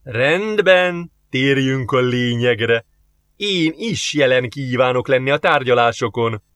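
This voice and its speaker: A man voicing a scheming male alien diplomat in an audiobook, formal and calm, quoting rules. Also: medium pitch, no room sound, clean studio sound, close to an everyday voice. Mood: smug.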